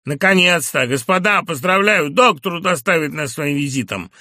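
A man's voice: animated, normal speed, bright, forceful tone, dry recording, clean studio sound. A man voicing a young, furious male asylum patient who rants and shrieks accusations. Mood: raging. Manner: shrill, ranting, raised voice.

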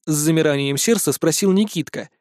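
Brief: male audiobook narrator, even storytelling, slightly high voice, dry booth sound. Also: fairly quick, no room sound.

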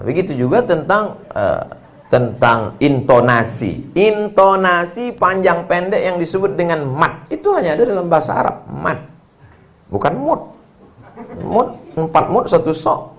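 A man's voice: a little high, slight background noise. A man from Indonesia giving a humorous religious lecture to students, joking and chanting Arabic word forms as he teaches. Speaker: Islamic preacher.

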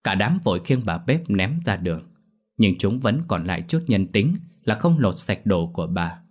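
Husky low-voiced man narrating horror. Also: sing-song, moderate pace. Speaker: storyteller. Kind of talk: scripted horror story narration. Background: faint music.

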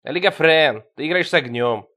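A man voicing a crude, cheeky, drunken male space ferret alien who talks high, shrill and mocking. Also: brisk, sharp tone. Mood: scolding.

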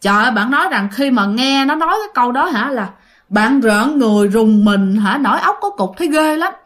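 Casual ghost-story narrator: Southern Vietnamese woman, chatty, slightly high-pitched. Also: animated, a little fast, a bit bright. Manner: chatty, addresses listeners directly, many fillers.

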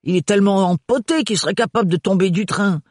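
A burly, good-natured servant in a storybook reading talks bluntly in folksy slang, raised and loud, as a male reader puts him on. The voice is dry and close to the mic. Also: high-pitched, fast talker, no room sound, voice pushed up. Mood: hearty. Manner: folksy, blunt working-class speech.

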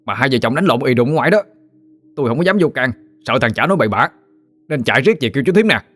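A man's voice: mid-range voice, lively intonation, fast talker, fairly bright tone, no echo, voice pushed up. A man voicing a panicky young village man who tells tall tales, pleading urgently in a Southern Vietnamese accent. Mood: alarmed.

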